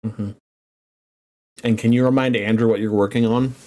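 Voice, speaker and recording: A man narrating a tabletop game as game master, rambling with many fillers and turning excitable when he rants. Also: mid-range voice, moderate pace, slight background noise.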